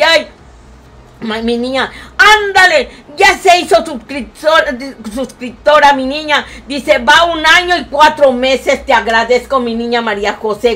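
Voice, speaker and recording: A woman with a Mexican accent live-streaming, reading viewers' messages aloud and doting on each of them with grandmotherly endearments, breaking into excited cries. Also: on the high side. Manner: excitable, bursts of loud cries.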